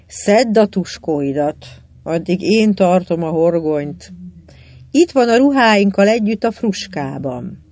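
Reader doing a calm boy captain. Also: medium pitch, no room sound, close to an everyday voice. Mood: urgent. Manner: steadying, instructing.

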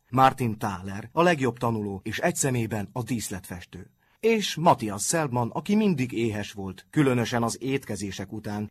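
A man narrating an audiobook in an even storytelling manner. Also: mid-range voice, slightly rough.

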